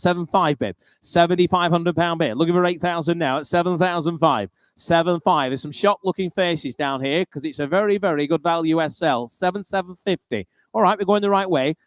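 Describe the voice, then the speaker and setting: A man's voice: on the high side, dry recording. A British man working as an auctioneer, calling lots and repeating bids in a rolling chant, with informal, chatty asides.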